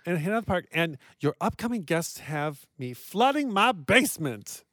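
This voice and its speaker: A man's voice: high-pitched, very animated, normal speed, a bit bright, no echo. A man hosting a casual comedy show, bantering and reading listener mail in a campy, playful, exclaiming way. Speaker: podcast host.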